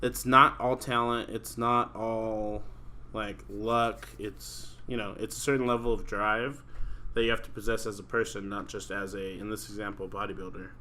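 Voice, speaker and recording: A young man hosts a podcast in a lowish, flat voice at a moderate pace, his tone sharp. He rambles casually, swears often, and leans heavily on fillers like "like." Slight background noise is audible.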